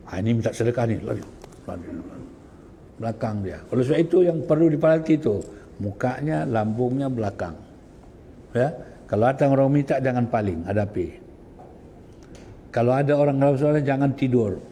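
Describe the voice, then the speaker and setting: A man with a Sabah Malay accent delivers a religious lesson in a mellow, warm voice. He recites Arabic verses and then explains them, often pausing to ask his listeners questions. Faint noise sits under the recording. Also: mid-range voice, big-room sound. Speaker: religious teacher. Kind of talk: Islamic lecture explaining Quranic verses.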